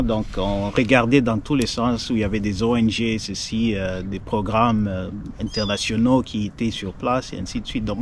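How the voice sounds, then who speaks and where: A Congolese man in his forties, a doctor, talking in a measured, hesitant way as an interview guest. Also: on the low side, a little hiss or hum. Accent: Congolese French. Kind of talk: casual interview.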